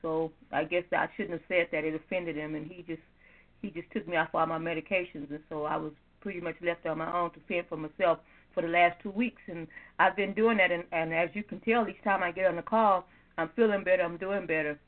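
A woman talks over a speakerphone, her voice thin and tinny down a phone line with a steady mains hum behind it. She rambles in a chatty, upbeat way and laughs easily, calling in from her home office. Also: on the low side, brisk. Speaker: caller to a prayer line. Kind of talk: casual phone call.

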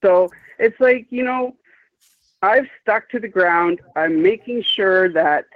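A caller in her fifties chats casually in an emphatic, rambling, outspoken manner, swearing now and then. Her mid-range voice is expressive and unhurried, coming through a dry, tinny phone line with no echo.

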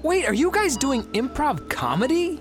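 An actress playing a nervous, bewildered patient in a radio comedy sketch. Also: female voice, high-pitched, very animated, normal speed. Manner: hesitant, bewildered. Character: nervous woman patient awake on the operating table. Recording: ad with music, set back from mic.

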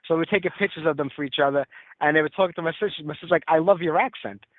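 A man with a thick Brooklyn accent hosts a music radio show in casual chat, rushing through his words. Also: a little high, dry recording. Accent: heavy Brooklyn New York. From Brooklyn, New York. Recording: thin phone-like radio audio.

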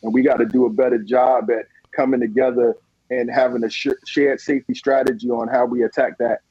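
A man guesting on a radio interview, speaking earnestly about his community work and often circling back with "you know". His voice is husky and mid-pitched, heard dry and slightly muffled as if over a dull line. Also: little pitch movement, a little fast, mellow, dry recording. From New Jersey. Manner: earnest, repeats words, frequent "you know". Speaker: guest, community leader and victim advocate.

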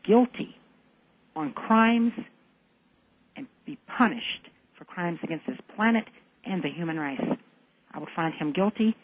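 A woman's voice: on the low side, husky. Intense woman on a tinny phone line. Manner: intense, deliberate, defiant. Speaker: caller. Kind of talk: radio call-in talk.

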